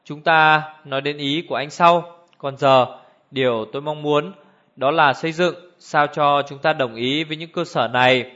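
A man's voice: on the high side, steady tone, bright, forceful tone. A man reading a cold, exacting old judge. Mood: cold, deliberate. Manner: measured, icy authority. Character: cold, precise elderly male judge. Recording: dull lo-fi recording.

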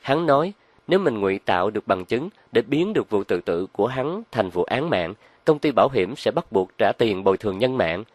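A man reading a crime novel aloud as narrator, in a measured storytelling manner. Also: on the low side, big pitch swings, no echo.

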